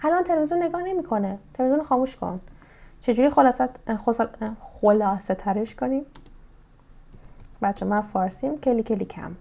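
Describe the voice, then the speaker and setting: A young woman with a Persian accent teaching English grammar, giving slow, deliberate English examples and quick explanations in Persian. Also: fairly high pitch, lively intonation, vocal fry, warm tone. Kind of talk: grammar lesson.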